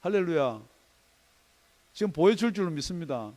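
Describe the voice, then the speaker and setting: A man preaching a sermon as pastor in a church, emphatic, asking rhetorical questions and swinging between loud and soft. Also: a little high, big pitch swings, normal speed. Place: church sanctuary.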